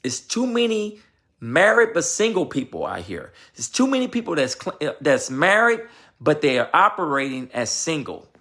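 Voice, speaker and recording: A man's voice: on the high side, very animated, normal speed, a bit bright. A man giving marriage advice in a vlog, talking in an emphatic, repetitive, sermon-like way and addressing his viewers directly. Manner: addresses viewers and asks his wife for confirmation. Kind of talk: preachy casual talk.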